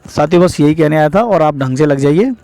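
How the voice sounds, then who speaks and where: Speaking briskly in a high-leaning, creaky yet mellow voice with no echo, a young northern Indian vlogger gives viewers casual exam advice. He repeats his explanations and keeps checking they're following, frequently adding tag questions for agreement.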